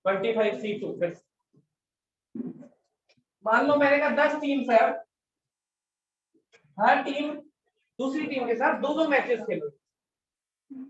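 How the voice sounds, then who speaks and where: A man's voice: extremely high pitch, slow pace, pauses often, fairly bright tone. A male math teacher giving a classroom lecture, repeating his questions and constantly prompting his students for answers. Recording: echoey room, distant mic, dull lo-fi sound.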